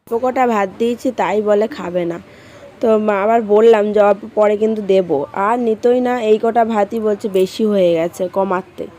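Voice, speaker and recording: A woman's voice: medium pitch, brisk, warm tone. A woman, chatting to viewers in a casual home vlog. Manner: chatty, talks to viewers directly. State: hoarse. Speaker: vlogger.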